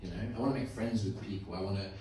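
A man in his 20s with stage fright takes the open mic in a small indoor venue, his lowish, warm voice racing through a live spoken piece. He's informal, rambling and earnest, with swearing. He holds a handheld mic while someone in the audience films on a phone, capturing a very reverberant, echoey room from far off with faint noise.

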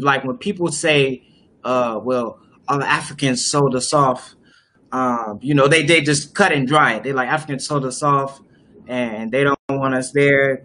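A man's voice: medium pitch, sharp tone, a little hiss or hum. Young man hosting a video call. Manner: explanatory, many fillers and restarts. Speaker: host. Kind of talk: casual discussion on a live video call. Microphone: webcam on a video call.

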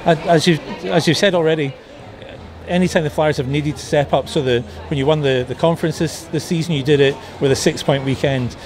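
A man interviewing a player after a match, asking brisk conversational questions. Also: on the high side, fairly even intonation, darkish tone. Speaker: sports interviewer.

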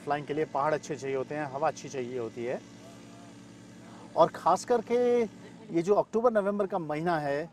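Standing on an open, grassy mountain field, a middle-aged paragliding pilot who serves as the event weather expert fields interview questions, mixing in English terms. His voice is a little high and darkish, at a normal speed. The recording is clear, with outdoor ambient noise.

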